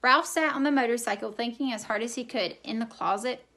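A teacher reading a children's book aloud with steady, expressive storytelling. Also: female voice, a little high, a little fast.

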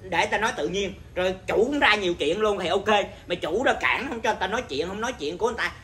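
A Buddhist monk teacher giving an informal dharma talk, blunt and scolding, with a naturally loud voice. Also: male voice, high voice, lively intonation, fast talker, slight background noise.

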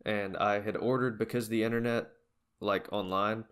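A man's voice: lowish voice, moderate pace, clear, resonant tone. A young man co-hosting a podcast, chatting casually about records and bands with lots of fillers. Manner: rambling, relaxed, many fillers. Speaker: podcast co-host. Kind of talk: casual chat.

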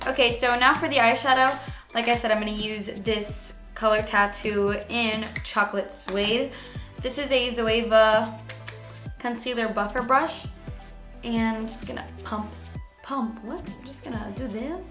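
A woman with a raspy voice today, casually talking through a makeup tutorial in a chatty way full of fillers. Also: a little high, unhurried, fairly bright tone, echoey room, soft background music. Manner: chatty, filler-heavy, frequent "like". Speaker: beauty vlogger.

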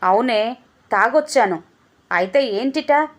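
A scornful, arrogant drunken husband from a storybook tale, as a woman narrator puts him on. He sneers and shouts his dismissive lines in a raised, high voice. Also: expressive, takes it slowly.

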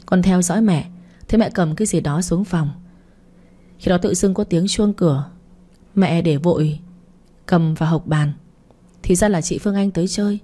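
A woman's voice: fairly low pitch, normal speed, pauses often, dark tone, close to an everyday voice. A woman narrator voicing a spoiled young daughter who confesses and begs forgiveness in an audio story. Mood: confessing. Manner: apologetic, tearful. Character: spoiled young adult daughter, remorseful and tearful. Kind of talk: audiobook reading.

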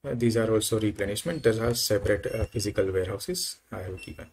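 A man giving an unhurried screen-recorded software walkthrough, thinking aloud with frequent fillers. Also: on the low side, creaky, slight background noise. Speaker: software tutorial presenter.

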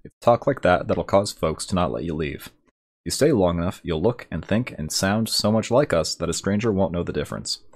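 Jolly boastful space mercenary, a hearty drinking man read out by a man, low and husky. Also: animated, brisk. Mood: teasing. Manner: hearty, read aloud from game text.

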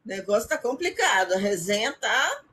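A woman's voice: medium pitch, sing-song, normal speed, pushed and bright, a little hiss or hum, low-quality recording. A woman hosting a casual live stream, exclaiming and thanking viewers by name.

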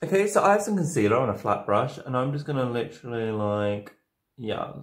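A drunk man in his twenties talks casually to camera as if giving a tutorial. He rambles, second-guesses himself and loses his thread. The recording is roomy and echoing, with an average-pitched male voice. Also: expressive, fairly quick. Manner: rambling, self-doubting, losing his thread. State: tipsy, drunk on wine. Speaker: makeup video creator. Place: indoor home studio with dark backdrop, roomy. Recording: roomy, echoing indoor sound.

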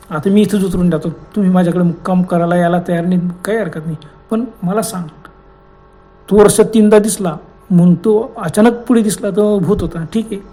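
A man's voice: sits high, warm tone, natural voice. A man voicing an older village passenger who keeps asking questions and coaxing the travellers to stay the night. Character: older male village passenger, kindly and curious.

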